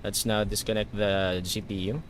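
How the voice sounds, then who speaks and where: A man's voice: on the low side, little pitch movement, normal speed, slight background noise. A man with a Filipino accent, chatting casually as a livestreamer while running through virtual pilot procedures. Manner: chatty, switches between procedures and viewers. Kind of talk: casual flight simulator stream chat.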